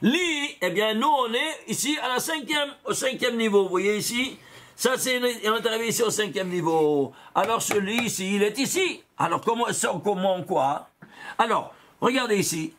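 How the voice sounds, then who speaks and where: A man's voice: animated, a bit bright, slight background noise. A man, a rabbi, giving a Kabbalah lesson, pointing out diagrams and asking rhetorical questions that he answers himself. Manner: keeps saying "alors" and "vous voyez" to the class; pitch and pace jump around a lot, now slow and stressed, now rushed. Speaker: rabbi teaching Torah. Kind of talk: Kabbalah lesson explaining diagrams and letter numbers.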